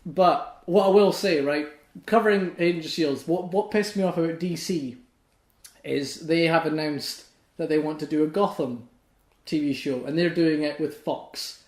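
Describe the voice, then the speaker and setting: Young man, podcast host, high-pitched, excitable ranting, swears a lot, echoey room. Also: moderate pace. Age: young adult. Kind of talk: casual chat.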